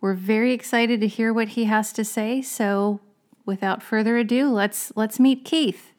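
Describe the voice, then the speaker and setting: A woman's voice: a little high, steady tone, measured pace, a little mellow. A woman in her fifties co-hosting a podcast, chatty and upbeat, talking straight to the listeners. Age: 50s. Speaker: podcast co-host. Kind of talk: podcast interview.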